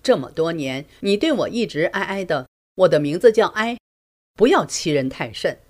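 A woman voicing her indignant elderly husband, stubborn and touchy, with loud, huffy retorts. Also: on the high side, huge pitch swings, moderate pace.

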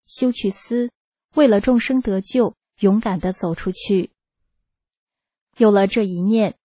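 A woman reading a first-person testimony aloud for radio, earnest and measured. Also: medium pitch, mellow, slightly rough, no echo. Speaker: radio reader. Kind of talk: scripted narration, read aloud.

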